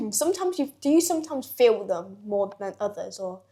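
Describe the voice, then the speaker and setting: A teenage girl hosts the podcast, asking questions and chiming in with quick agreement. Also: medium pitch, big pitch swings, dark tone. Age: teens. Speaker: podcast host. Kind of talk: casual interview.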